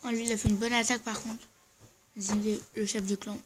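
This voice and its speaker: Medium in pitch with little pitch movement, the voice carries a faint hiss or hum. It's a gaming video host giving halting, casual gameplay commentary, frequently self-correcting, with speech slightly slurred and odd because of dental braces.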